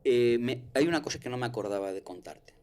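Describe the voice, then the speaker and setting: A man's voice: mid-range voice, a little fast, a little mellow. A man, telling a personal story in casual conversation, swearing and restarting often.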